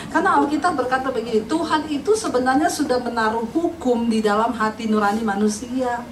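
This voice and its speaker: High-voiced woman preaching in an echoey hall. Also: slight background noise. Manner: lively, chatty preaching with asides to the congregation. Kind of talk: sermon. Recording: roomy echo, recorded from a distance.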